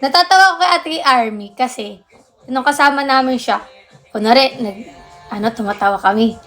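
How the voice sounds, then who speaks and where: A woman's voice: on the high side, normal speed, fairly bright tone, soft background music. A young woman hosting a casual livestream, chatting, answering viewer comments and thanking gifters. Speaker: livestream host.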